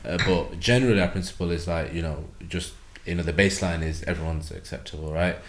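Deep-voiced man, roomy echo. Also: quick pace. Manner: rambling, many fillers and restarts. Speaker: podcast guest from an event organisation. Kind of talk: casual podcast conversation.

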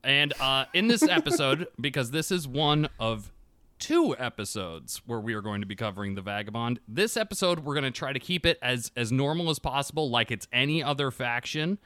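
A man's voice: medium pitch, big pitch swings, brisk, pushed and bright, dry recording. A man hosting a casual game podcast, talking in an upbeat, loose way. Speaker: podcast host.

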